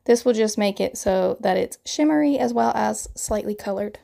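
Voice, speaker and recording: Woman, 30s, crackly morning voice, warm low tone, chatty craft tutorial voiceover. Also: moderate pace, vocal fry, soft background music. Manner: chatty, self-deprecating, explains each step. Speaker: card-making crafter.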